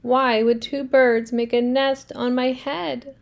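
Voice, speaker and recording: A woman's voice: high-pitched, flat delivery, takes it slowly, gravelly, full character voice. A woman voicing an anxious, fretful male elephant in a children's storybook read-aloud, asking worried questions. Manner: worried, questioning, rising alarm.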